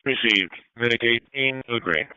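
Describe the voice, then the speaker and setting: A man's voice: medium pitch, moderate pace, pushed and bright, clean tone, dry recording. A man dispatching over police and fire radio in a procedural, matter-of-fact manner. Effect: radio transmission. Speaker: emergency medical dispatcher. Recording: dull band-limited dispatch radio.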